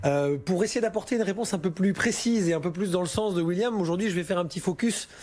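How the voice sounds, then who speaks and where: High-voiced chatty male financial adviser. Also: fast, a little mellow. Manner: chatty and informal, addresses the listener by name, frequent hesitations. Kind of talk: explaining investments on a listener Q&A show.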